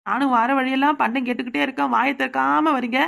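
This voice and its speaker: Brief: woman playing a sarcastic young village woman for a cartoon, Kanyakumari Tamil accent, gravelly fast delivery. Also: sits high, steady tone, fairly bright tone, full character voice. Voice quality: sarcastic, mouthy. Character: young sharp-tongued village woman, irreverent.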